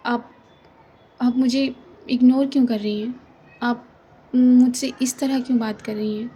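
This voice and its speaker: A woman's voice: fairly high pitch, steady tone, measured pace, warm tone, breathy edge. Rasha, a woman doing a pleading young woman. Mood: hurt. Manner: pleading, insistent, near tears. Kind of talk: audio drama reading.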